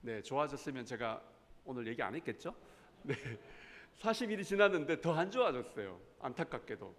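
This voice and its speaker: A man's voice: mid-range voice, fairly quick. Man lecturing in a reverberant hall. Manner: animated, acts out quoted arguments with rising voice; asks the audience questions. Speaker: professor teaching a lay Bible school. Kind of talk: lecture with storytelling.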